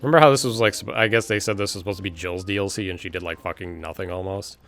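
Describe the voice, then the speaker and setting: A man with a fairly low voice chats casually while streaming a game. He rambles informally and chuckles often, with music playing in the background. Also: rapid-fire, fairly bright tone. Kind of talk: casual live stream commentary.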